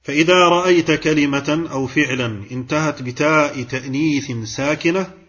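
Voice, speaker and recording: Male grammar teacher, husky voice, step-by-step classroom explaining, muffled recording. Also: fairly high pitch, normal speed, a bit bright. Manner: explains step by step, quizzes and praises students.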